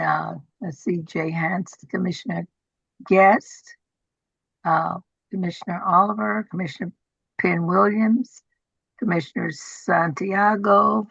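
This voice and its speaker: A woman with a husky, gravelly voice chairing a formal public meeting over a video call, speaking in a halting, procedural way. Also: lowish voice, a bit bright, no echo. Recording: dull, lo-fi online meeting audio.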